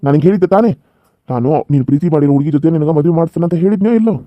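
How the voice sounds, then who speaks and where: A man's voice: on the high side, racing, dry recording, highs cut off, natural voice. A man with a North Karnataka Kannada accent voicing an earnest young married son who pleads and explains in a cartoon serial. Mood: pleading.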